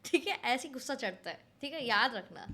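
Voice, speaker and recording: A woman's voice: sits high, lively intonation, fairly quick. A woman from Pakistan, giving reaction commentary, laughing often and explaining with animation. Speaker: reaction vlogger. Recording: loud crowd and noise from played clip.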